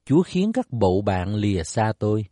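A man giving a measured, formal scripted reading of scripture. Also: fairly low pitch, sing-song, warm tone, no room sound, clean studio sound. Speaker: scripture reader.

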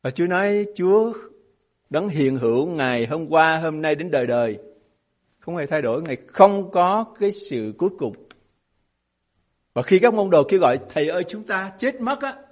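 A man's voice: a little high, lively intonation, moderate pace, long pauses. A man preaching a sermon as a pastor, emphatic and asking his congregation rhetorical questions.

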